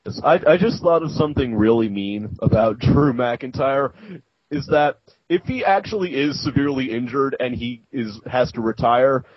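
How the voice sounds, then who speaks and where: A man's voice: mid-range voice, normal speed, slightly rough, dry recording, muffled recording. A man co-hosting a podcast, eagerly jumping in with his take in casual chat. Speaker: podcast co-host. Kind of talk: casual chat recapping wrestling.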